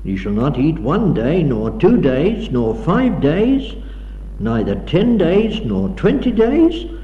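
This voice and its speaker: A man's voice: fairly high pitch, very animated, slow, warm tone, lo-fi sound, a little hiss or hum. A man delivering an evening address in a hall, reading scripture aloud in a dramatic, declaiming way, heard on an old 1960s tape recording. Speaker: preacher. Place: lecture hall.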